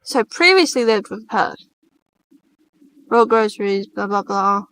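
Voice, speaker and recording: A woman in her 20s co-hosts a stream, chatting casually and bluntly and reading posts aloud, swearing casually along the way. Her medium-pitched voice is animated and a bit bright, and she talks a little slowly.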